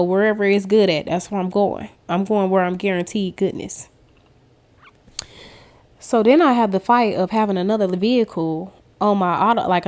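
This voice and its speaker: Talking directly to her audience, this woman tells her faith story in a relaxed, chatty vlog. Her medium-pitched voice has a darkish tone.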